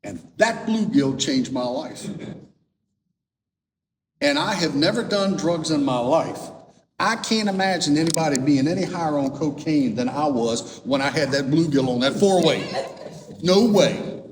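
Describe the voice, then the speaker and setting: A middle-aged man with a slightly high voice tells stories to an audience and slips into the voices of the people he quotes. He sounds far from the microphone, and his voice rings through a large hall with a long echo. A faint low rumble sits underneath. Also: unhurried. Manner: lively storyteller who acts out quoted dialogue. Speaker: author giving a talk. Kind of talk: storytelling presentation.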